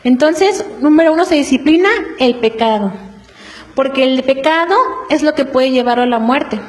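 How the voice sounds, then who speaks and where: A woman preaching to a congregation in an earnest, explanatory way, often checking in with quick rhetorical questions. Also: high-pitched, a little mellow, rough recording. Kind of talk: church teaching on family.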